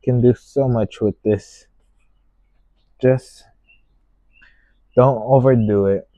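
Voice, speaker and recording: Male painting teacher, gentle and slow-paced, thinking out loud in short phrases; dry, slightly muffled recording. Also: mid-range voice, fairly even intonation, dry recording. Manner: gentle, unhurried painting instructor, musing aloud in short phrases. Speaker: painting instructor. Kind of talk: unscripted painting tutorial narration.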